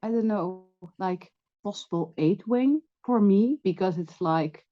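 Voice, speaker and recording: A woman's voice: mid-range voice, measured pace. A woman co-hosting a casual chat who agrees often and speaks tentatively. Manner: agreeable, frequent backchannels. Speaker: podcast co-host. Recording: dull lo-fi mic.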